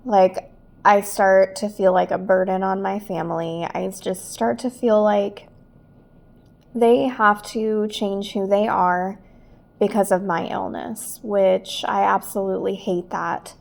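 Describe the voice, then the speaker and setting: A woman's voice: medium pitch, steady tone, slow pace, gravelly. A woman hosting a personal podcast, talking earnestly and emotionally about her own life. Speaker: podcast host.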